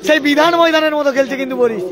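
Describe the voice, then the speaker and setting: A man delivers frantic football commentary in a very high voice. He talks fast and keeps repeating players' names, with a loud crowd all around him outdoors. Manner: repeats names and phrases insistently. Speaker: football match commentator and live streamer. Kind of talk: live football commentary, excited. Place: outdoors beside a football ground.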